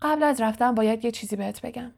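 A woman reading aloud voices a kindly middle-aged father who keeps his voice low and hurried. He sounds earnest and concerned in a storybook reading, pitched a little high. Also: creaky, a little mellow. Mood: worried. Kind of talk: audiobook character voice.

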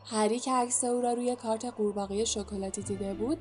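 A woman reading a storybook aloud as an audiobook narrator, calm and measured. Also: on the high side, a little hiss or hum.

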